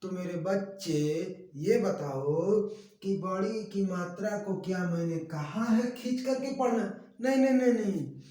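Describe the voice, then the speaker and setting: A male teacher talks with a high voice and mellow tone, stretching each word slowly for young learners. He speaks from a distance in a very echoey room and voices both himself and an eager pupil. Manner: slow, drawn-out sing-song teaching voice, speaks both sides of a pupil dialogue. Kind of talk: Hindi reading lesson for children.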